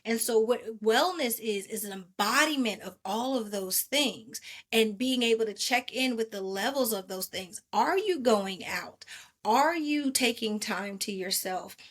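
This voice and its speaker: A woman speaking as a podcast guest, an animated storyteller who acts out quotes from her own life. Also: fairly high pitch. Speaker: podcast guest, maternal wellness advocate. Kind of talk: casual podcast interview.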